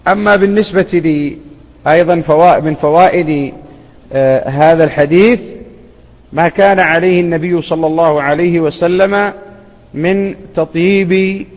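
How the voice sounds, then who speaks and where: A man giving a religious lesson, explaining a classical text in a measured way, pausing and correcting himself at times. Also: fairly high pitch. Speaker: Islamic scholar teaching hadith. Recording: dull lo-fi sound with long reverb.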